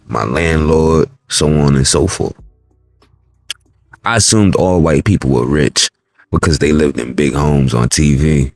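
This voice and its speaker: A man's voice: a bass voice, vocal fry, darkish tone, dry recording. A man from New York City hosting his channel, giving blunt, reflective commentary and telling stories. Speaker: channel host. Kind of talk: commentary monologue.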